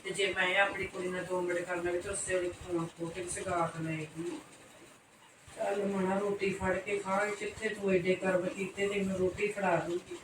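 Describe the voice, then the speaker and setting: A woman's voice: fairly low pitch, little pitch movement, close to an everyday voice. A woman playing a nagging older mother-in-law in a comic family skit, with a Punjabi accent, who grumbles and scolds. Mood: grumbling. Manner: grumbling, complaining, quick to scold. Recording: roomy, distant, noisy home recording.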